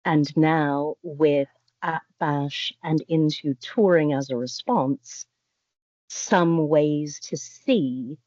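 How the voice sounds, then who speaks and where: A woman taking part in an online session, explaining puzzle solutions in a measured, analytical way over a video call. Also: low voice, darkish tone, no room sound, lo-fi sound. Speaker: session participant.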